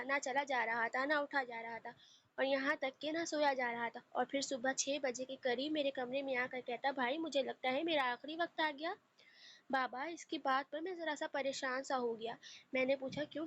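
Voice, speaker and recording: A man's voice: very high voice, fairly bright tone, muffled recording, slight background noise. A woman doing a flustered young husband. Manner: exasperated, complaining. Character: young married man, easily flustered.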